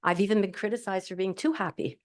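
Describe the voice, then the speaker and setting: Holding a microphone at a live panel, a middle-aged woman recounts her own story to an audience in an event hall. She talks fast at a medium pitch, staying cheerful and candid while rambling along.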